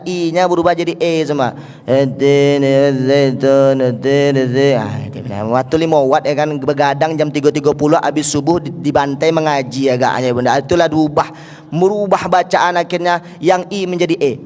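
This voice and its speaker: A man teaching Quran recitation to a congregation, coaxing listeners to repeat and breaking into slow, drawn-out chanted verses between his explanations. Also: a little high, fairly even intonation. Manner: coaxes listeners to repeat, counting them in. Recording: long hall reverb with faint music.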